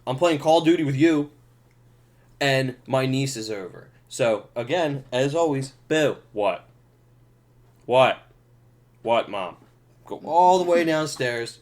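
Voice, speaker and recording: A man's voice: mid-range voice, animated, slow, long pauses, a little mellow. A young man hosting a casual podcast, telling family stories in a profane, rambling way. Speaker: podcast host.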